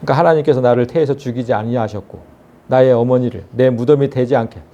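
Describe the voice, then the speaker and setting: A man preaching a sermon as pastor, earnest and animated, asking the congregation rhetorical questions. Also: medium pitch, fast talker, lo-fi sound.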